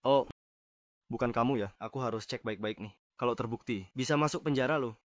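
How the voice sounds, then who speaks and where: A man's voice: mid-range voice, a little fast, no echo, dull audio, close to an everyday voice. An actor dubbing a cool, stern male executive assistant who speaks curtly and businesslike. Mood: accusing. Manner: curt and businesslike. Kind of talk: dubbed short drama.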